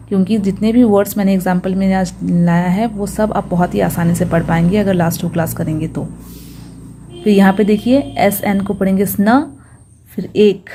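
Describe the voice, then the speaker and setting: Patient woman teacher with a mellow voice. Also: medium pitch, slight background noise. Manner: patient, sounds out each syllable slowly, says "ठीक है" often. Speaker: English reading teacher. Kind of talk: step-by-step phonics lesson.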